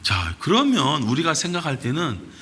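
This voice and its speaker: A male pastor preaching a sermon in animated storytelling, acting out quoted lines. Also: a little high, moderate pace, breathy edge. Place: church sanctuary.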